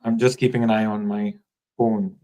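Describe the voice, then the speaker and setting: A man's voice: on the low side, flat delivery, moderate pace, dark tone, poor audio. A man hosting a live online session, welcoming viewers and reading out their comments over a video call. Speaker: live-stream host.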